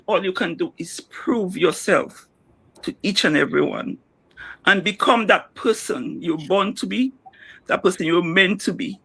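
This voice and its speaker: A woman's voice: lowish voice, a bit bright, slightly rough. A middle-aged woman, a guest mother, speaking emphatically and repeating her points in a heartfelt, prayerful way. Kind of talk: emotional interview testimony.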